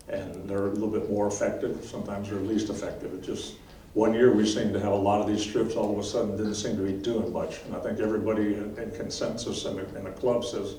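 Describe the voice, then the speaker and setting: Picked up by a far-off microphone in a reverberant room with faint noise, a man leads a beekeeping class. His voice is fairly low and mellow, and he handles questions in a practical, straightforward way, often asking "okay?".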